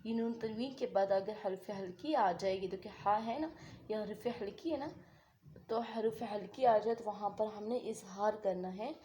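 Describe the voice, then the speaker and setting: A woman's voice: medium pitch, mellow, slight background noise. Echoey, patient woman teaching Quran recitation. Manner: patient, repeats questions and answers them herself. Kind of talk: online tajweed lesson.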